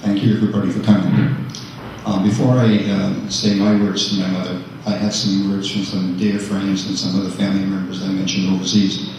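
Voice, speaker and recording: Older man, son at memorial, low monotone, hesitant; distant roomy sound. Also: fairly quick, creaky, slight background noise. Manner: plain and slightly hesitant. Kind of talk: memorial speech. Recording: echoey hall from far off.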